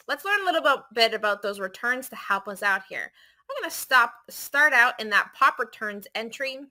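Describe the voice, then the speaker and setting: A woman with a very bright, forceful voice sitting a little high in pitch, walking through a software tutorial on screen. She talks in a chatty way, putting questions into the listener's mouth and answering them. She keeps checking in with a quick "okay?" as she goes. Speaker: software trainer.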